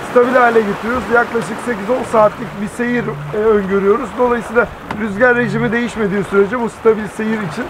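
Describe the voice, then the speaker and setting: A man in his fifties on a sailboat at sea, calmly explaining the route and rigging with frequent pauses. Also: very high-pitched. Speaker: sailor explaining the voyage. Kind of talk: casual explanation to camera. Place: on a sailboat deck at sea, outdoors. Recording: wind and wave noise at sea.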